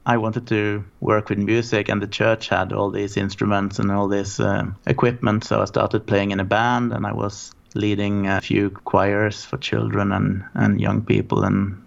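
Man from Norway, 40s, gravelly, flat low delivery, rambling guest on a dull call line. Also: normal speed, few pauses. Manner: relaxed, rambling storytelling. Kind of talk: casual interview.

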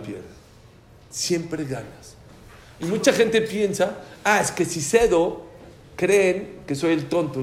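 Male religious teacher, mid-pitched, animated storyteller who voices the characters in his anecdotes; roomy recording with faint background noise. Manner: animated, acts out dialogue in stories. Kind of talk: storytelling lecture. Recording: echoey room with faint ambient noise.

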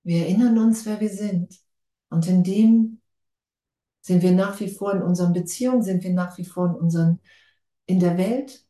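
A woman's voice: on the low side, normal speed, warm tone, roomy sound. A woman giving a spiritual talk to a group, casual and enthusiastic, laughing often. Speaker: spiritual teacher.

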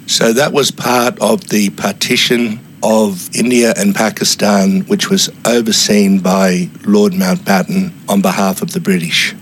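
A man presenting and putting questions as a radio interviewer, with halting, measured phrasing. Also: fairly low pitch, little pitch movement, slight background noise. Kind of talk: interview hosting.

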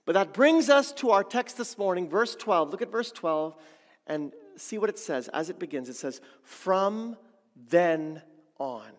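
Male elder preaching, bright mid-high voice, emphatic with repeated phrases; reverberant sanctuary sound. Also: animated, moderate pace. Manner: emphatic, repeats phrases, asks the congregation questions. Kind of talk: sermon. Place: church sanctuary. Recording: long reverb of a church hall.

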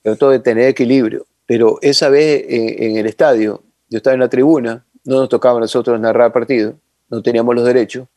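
A man from Ecuador, a football commentator telling lively anecdotes in an interview and calling the listener "brother". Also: mid-range voice, a little fast, no echo, studio quality. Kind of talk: interview storytelling.

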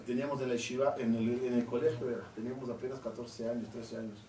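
Middle-aged rabbi quizzing a class, echoey room. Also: male voice, mid-range voice, steady tone, fast talker, dark tone. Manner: quizzes the class with questions and waits for answers. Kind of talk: Torah class lecture. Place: classroom with students. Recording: echoey room, mic at a distance, faint hiss.

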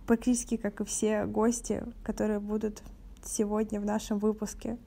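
An eighteen-year-old woman from Russia hosting a podcast, speaking in a calm, measured, earnest way. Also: medium pitch, vocal fry. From Novorossiysk, Russia. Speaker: podcast host. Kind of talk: podcast talk.

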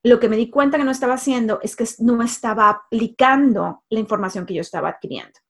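A somewhat high-voiced woman recounts her own life as a life coach. She talks casually, repeats words for emphasis and fills pauses with "em" and "este". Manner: emphatic repetitions and frequent fillers. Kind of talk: personal life story told casually.

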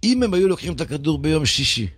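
A man's voice: a little high, big pitch swings, breathy edge, no room sound, clean studio sound, full character voice. A man playing a puzzled elderly rabbi. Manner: innocent questioning, bewildered. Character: elderly male Jerusalem rabbi, puzzled and earnest.

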